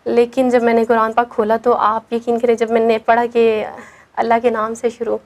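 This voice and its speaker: A woman's voice: on the high side, completely flat delivery, a little mellow. A young woman telling her personal story as an interview guest, earnest and emphatic.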